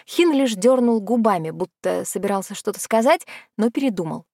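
A woman narrating a first-person fantasy story in a measured way. Her voice sits at a middle pitch. The recording is dry and close. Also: animated, creaky, warm tone, no room sound. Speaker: audiobook narrator.

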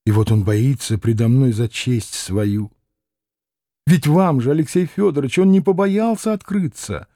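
A man's voice: medium pitch, a little slow, dark tone, dry recording, clean studio sound, natural voice. A man reading an audiobook voices a proud, anguished young noblewoman who pleads and exclaims passionately. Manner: impassioned, pleading, rising to exclamations.

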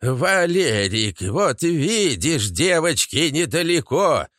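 A fussy, doting old grandmother, put on by a man reading an audiobook, stretching out her words in a pleading sing-song. Her voice sits fairly high and swoops up and down. The recording is dry and close. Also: very animated, fairly bright tone, no echo, full character voice. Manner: drawn-out pleading lilt.

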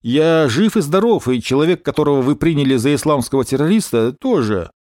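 A man voicing an angry, defiant pilot who is shouting accusations down a phone line. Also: on the high side, lively intonation, fairly quick, no echo, clean studio sound, close to an everyday voice. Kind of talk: audiobook character voice.

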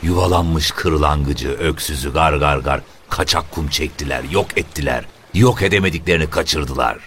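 A man reading a literary story aloud in a deliberate, descriptive way. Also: rumbling low, fairly bright tone, slight background noise. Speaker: narrator.

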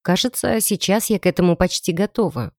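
A woman narrating a first-person audiobook in an expressive storytelling manner. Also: lowish voice, fairly quick, no echo, clean studio sound.

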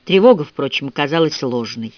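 A man's voice: fairly high pitch, animated, a little fast, no room sound. Man reading a story, dry muffled sound. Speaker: audiobook reader. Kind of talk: scripted literary narration. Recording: dull, dry lo-fi recording.

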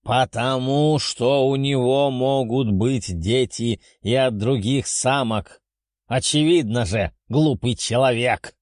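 A man voicing a slow growling ancient dragon. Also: medium pitch, dry recording, studio quality, natural voice. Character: ancient proud male dragon spirit, gruff. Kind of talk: audiobook character voice.

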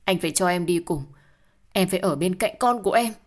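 A woman's voice: mid-range voice, slow, slightly rough. Woman voicing a frantic, tearful young mother. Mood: pleading. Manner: pleading, cries out.

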